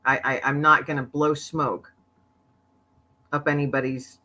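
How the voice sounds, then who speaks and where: With a low, unhurried voice, a middle-aged woman known as a podcaster and author tells spirited stories during a casual interview, breaking into laughter frequently.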